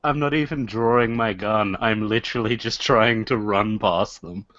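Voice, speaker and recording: A man's voice: fairly low pitch, normal speed, a bit bright, no echo. A man playing a tabletop role-playing game, describing his character's actions in a rambling way with many fillers. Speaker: player. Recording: dry, dull lo-fi sound.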